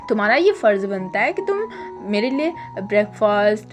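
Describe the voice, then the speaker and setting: A woman's voice: mid-range voice, big pitch swings, normal speed, music in the background, natural voice. A woman voicing a smug, shameless young husband who bosses and mocks his partner, in a casual spoken retelling. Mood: teasing. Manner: bossy, mocking drawl. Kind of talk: casual storytelling with voiced lines.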